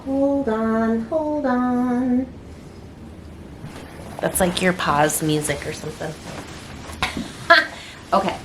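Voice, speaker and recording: In her indoor art studio, a middle-aged woman artist talks casually to the camera in a lowish voice, with noise in the background. She rambles, full of ums and false starts.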